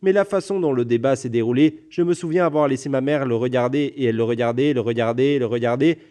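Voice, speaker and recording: A man's voice: mid-range voice, fast, mellow. A man telling a personal story in an interview, acting out the people he quotes. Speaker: interview guest.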